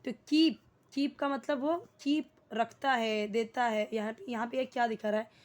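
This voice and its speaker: A young woman teaching English grammar with an Indian English accent. Her voice sits a little higher than most women's. She explains each point patiently and quizzes her listeners as she goes. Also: fairly even intonation. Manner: explains slowly, checks with questions and repeats key words. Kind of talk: Hindi-medium English grammar lesson.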